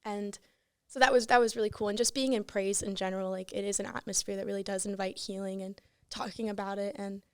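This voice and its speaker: A woman's voice: mid-range voice, steady tone, fast talker, few pauses, clean tone, no echo, clean studio sound. A teenage woman, a podcast guest, telling her personal story in a casual, earnest way with lots of fillers. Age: teens. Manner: earnest, frequent "like" and "you know". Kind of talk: casual chat, personal testimony.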